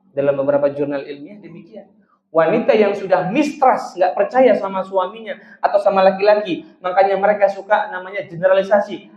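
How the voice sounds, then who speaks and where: A man's voice: mid-range voice, a little mellow. A man, a psychologist, giving a chatty religious talk on marriage, speaking directly to the husbands and wives in his audience. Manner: chatty, addresses audience directly as sirs and ladies. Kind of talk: religious study talk to couples. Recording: echoey room, dull lo-fi sound.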